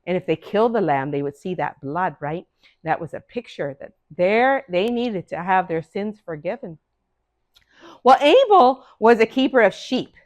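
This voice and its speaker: An older woman telling a Bible story to a class of children, animated and speaking to them directly. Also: on the low side.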